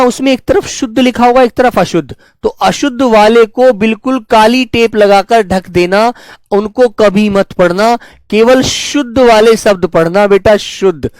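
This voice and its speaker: A man whose voice sits high gives an online spelling lesson to exam students, coaxing them along and repeating himself the way teachers do. The recording is dry.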